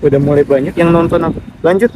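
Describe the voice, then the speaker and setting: A man's voice: on the high side, fast, muffled recording, background noise. A man hosting a casual live Q&A, giving direct advice and reading out viewer comments. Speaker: affiliate marketing livestreamer.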